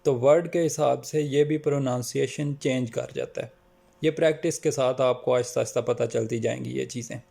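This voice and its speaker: Man, language teacher, calm explanatory lesson, slow careful examples, warm mellow tone. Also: medium pitch, vocal fry. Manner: calm, slows down to spell out example words. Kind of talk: Norwegian pronunciation lesson.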